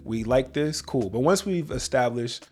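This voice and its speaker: A young adult man co-hosting a podcast, talking in a relaxed, conversational way. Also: medium pitch, normal speed, slightly rough. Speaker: podcast co-host. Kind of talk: casual chat.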